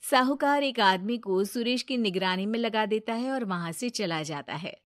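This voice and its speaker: A woman's voice: medium pitch, moderate pace, no room sound, clean studio sound. A woman narrator reading a scripted moral story.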